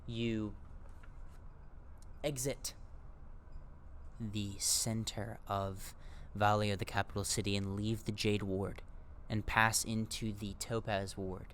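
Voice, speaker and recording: A man's voice: fairly low pitch, flat delivery, slow, long pauses, a bit bright, a little hiss or hum. Man narrating as game master. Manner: descriptive narration with frequent uh fillers.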